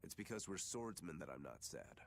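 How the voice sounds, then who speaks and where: A blunt young swordsman from a game, talking in a mid-pitched, matter-of-fact way. He sounds calm and direct. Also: brisk, creaky, a little hiss or hum, exaggerated voice.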